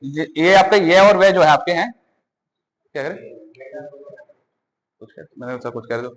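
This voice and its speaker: High-voiced male teacher in echoey room. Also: fairly bright tone. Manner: repetitive, drills sounds aloud, asks questions of students. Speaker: Hindi grammar teacher. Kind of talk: exam-prep classroom lesson.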